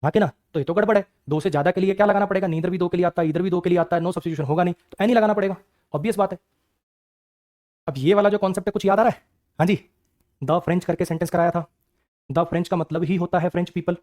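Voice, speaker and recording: Brisk high-voiced male grammar teacher. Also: a little mellow. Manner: brisk, scolding rhetorical questions to students. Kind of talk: exam-prep grammar lecture.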